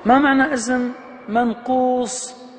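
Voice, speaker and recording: A man's voice: very high voice, fairly even intonation, a little slow. A man teaching grammar as a professor in a classroom lecture, who poses questions to his students and answers them himself and stretches out key words for emphasis. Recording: long hall reverb with faint background noise.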